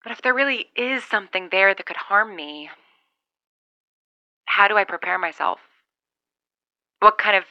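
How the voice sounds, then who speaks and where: A woman's voice: lowish voice, bright, forceful tone, no echo. An actress playing a lone woman survivor keeping a log over a CB walkie-talkie, wry and rambling as she thinks aloud, in an audio drama monologue. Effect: talking over a CB walkie-talkie radio. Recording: dull lo-fi radio sound.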